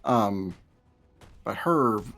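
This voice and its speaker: A man's voice: on the low side, expressive, drawn-out words, gravelly, a bit bright. A young man co-hosting casual gameplay commentary, chatty and laughing, with frequent restarts. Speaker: gaming channel co-host.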